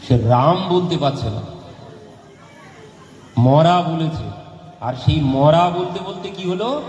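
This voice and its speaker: A man giving a devotional sermon as a Bhagavata preacher. He repeats his lines for emphasis and asks rhetorical questions. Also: high voice. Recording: echoey hall with faint background noise.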